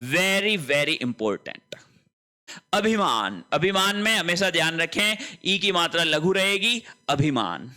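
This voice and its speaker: Emphatic, animated male Hindi teacher. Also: high voice, measured pace, few pauses. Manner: emphatic, repeats words and asks rhetorical questions. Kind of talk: spelling lesson.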